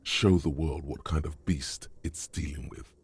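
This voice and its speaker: An actor narrating a detective video game in the second person, wry and commanding, like an inner voice. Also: male voice, extremely low pitch, fairly even intonation, measured pace, husky, exaggerated voice.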